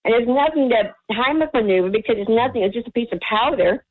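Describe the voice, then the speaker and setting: A woman's voice: fairly high pitch, animated, quick pace. A woman caller from the United States chatting casually on radio in a slightly harsh voice, rambling and dramatically quoting herself. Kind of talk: casual chat. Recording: tinny phone line on radio.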